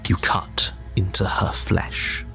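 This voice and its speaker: An actor playing a stern, disapproving narrator in a video game, telling the story in a deliberate, ominous, dramatic way. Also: male voice, whispered, natural voice. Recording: music behind the narration.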